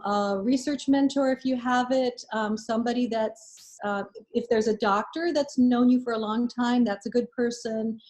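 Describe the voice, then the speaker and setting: A woman's voice: a little high, a little mellow. A woman advising students in a casual webinar, giving frank practical advice with fillers and restarts. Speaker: medical school admissions advisor. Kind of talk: casual webinar talk answering questions.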